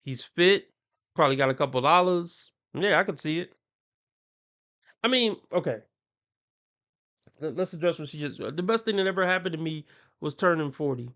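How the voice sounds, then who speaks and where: A man's voice: fairly high pitch, normal speed, pauses often, pushed and bright. A man hosting a reaction commentary, talking with a mocking tone, often laughing and putting on voices to quote people. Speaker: commentary channel host.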